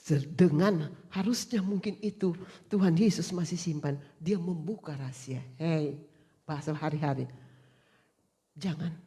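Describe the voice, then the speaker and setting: A woman giving a sermon testimony at a women's church service, telling a story that moves from hushed tones to loud, emotional highs. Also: measured pace. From Indonesia.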